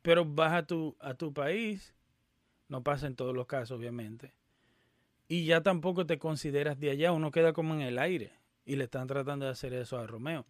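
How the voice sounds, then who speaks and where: A man's voice: fairly high pitch, normal speed, dry recording, studio quality. A man giving casual commentary on an interview clip, emphatic and opinionated, stopping to explain and argue his point.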